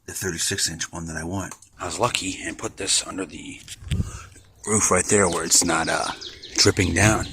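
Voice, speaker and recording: A man's voice: low voice, steady tone, moderate pace, background noise. A man in his twenties casually rambling with mumbled asides and offhand swearing while he works outside in a backyard. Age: 20s. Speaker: vlogger. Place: outdoors in a backyard under a roof.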